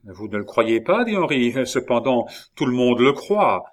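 A man voicing an agitated, vengeful young king who speaks loudly and insistently, sometimes pleading, in a dramatized audiobook reading. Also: mid-range voice, sing-song, normal speed, lightly acted. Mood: uneasy.

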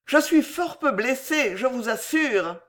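A tender, lovesick gentleman, played by a storybook reader pleads with ardent warmth. His voice sits a touch higher than plain talk and draws the words out slowly. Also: very animated, exaggerated voice. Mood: soothing. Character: lovesick middle-aged gentleman, mildly wounded, tender.

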